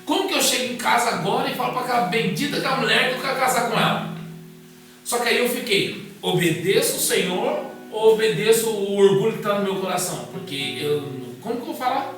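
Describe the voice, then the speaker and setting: A São man with a bright, high-set voice recounts his testimony and animatedly plays out each exchange. He sits back from the mic in a strongly echoing room. Music runs beneath him the whole time. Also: brisk. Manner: animated storyteller acting out dialogue. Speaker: guest pastor. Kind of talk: personal testimony in casual conversation. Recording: echoey room, distant mic, music underneath.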